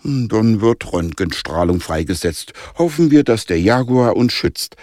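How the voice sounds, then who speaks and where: A bold young ringleader from a children's story, thrilled by adventure and keen to explain the facts, voiced by a man. The voice sits fairly low yet bounces with lively melody. The sound is close and dry. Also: measured pace, no echo. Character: daring boy leader, loves action.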